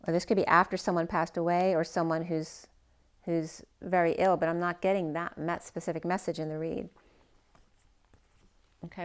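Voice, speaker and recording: A woman doing a casual tarot reading speaks in a smooth, lowish voice even though she's losing it. She thinks aloud, letting sentences trail off and then starting them again.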